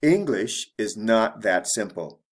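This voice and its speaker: A man teaching English to beginners, speaking slowly and clearly and modeling the intonation of example sentences. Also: on the low side, sing-song. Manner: deliberate, modeling intonation for learners. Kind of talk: slow, clear lesson narration.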